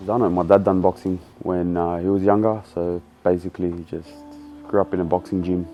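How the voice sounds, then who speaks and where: Deep, flat-voiced Australian young man. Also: brisk, muffled recording, faint music behind. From Sydney, Australia. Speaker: boxer interviewee. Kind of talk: documentary interview.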